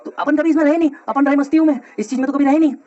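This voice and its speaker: A male teacher telling a personal story to his students in a lively, slangy way with frequent laughs. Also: very high voice, very fast, muffled recording. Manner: animated, slangy, laughs often.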